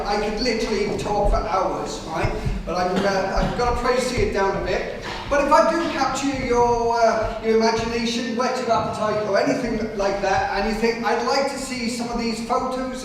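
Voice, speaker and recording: A local history speaker gives a public talk to a live audience in a large pillared hall, with no microphone, so he's picked up from far across the room. His naturally loud, fairly high voice echoes with a long reverb tail. He's chatty, speaking straight to the crowd with frequent "right?", and there's a little hiss or hum.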